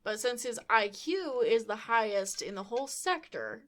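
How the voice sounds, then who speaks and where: Brief: young female podcast host, casual and chatty, slightly high voice, laughing through wry comic recaps. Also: big pitch swings, moderate pace.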